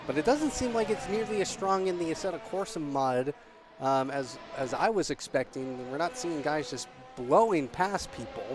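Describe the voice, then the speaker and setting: A man works as a motorsport commentator, calling a race live. His voice sits a little high and his delivery is excitable, lifting with the action. Prominent music plays behind him. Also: moderate pace. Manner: excitable, voice rising with the on-track action. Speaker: motorsport commentator in an online sim racing broadcast.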